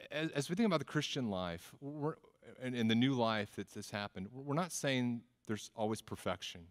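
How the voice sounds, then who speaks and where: A man's voice: medium pitch, lively intonation, normal speed, long reverb tail. A man preaching a sermon in a church, in a conversational way with frequent stammered repeats and self-deprecating humor. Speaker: pastor.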